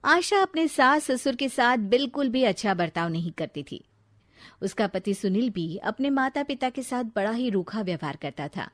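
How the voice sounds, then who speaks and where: A woman tells a children's cartoon story in a steady storytelling voice. She speaks high with a lively, swinging pitch, and the recording is dry and close with no room around it. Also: moderate pace, no echo. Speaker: narrator. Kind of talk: scripted storytelling narration.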